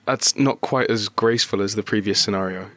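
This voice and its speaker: Man, science interviewer, fairly low voice, prepared questions. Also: brisk, pushed and bright, no echo.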